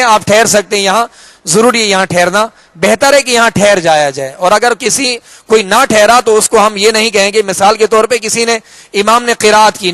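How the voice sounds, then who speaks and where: A man with a Pakistani Urdu accent, teaching Quran reading in a slow, patient lesson, repeating each rule and drawing out the example words. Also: high-pitched, fairly bright tone, dry recording. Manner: patient, repeats key rules, drawn-out Arabic examples.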